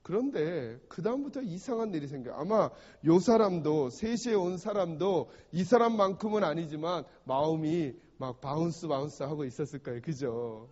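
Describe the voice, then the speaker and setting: A man's voice: a little high, lively intonation, moderate pace, hardly any pauses, a little mellow. A male pastor preaching a sermon, retelling a parable and often asking the congregation rhetorical questions. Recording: dull recording in a reverberant church hall.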